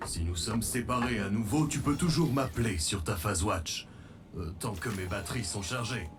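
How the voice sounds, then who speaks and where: A man voicing a protective, polite animatronic robot in a video game, speaking in formal, earnest, measured explanations. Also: on the low side, animated, recorded from a distance, over loud music, lightly acted. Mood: reassuring.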